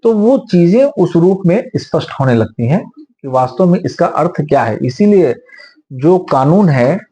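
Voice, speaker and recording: A man who is a senior advocate, explaining law at length in an interview in a measured, lecturing way with homely examples. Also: a little high, sing-song, mellow, lo-fi sound.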